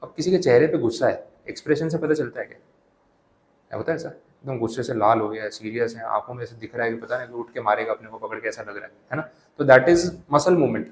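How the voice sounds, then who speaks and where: A young Indian man teaching a lecture class, explaining with everyday examples, asking his students questions and reading English text slowly. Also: medium pitch, reverberant.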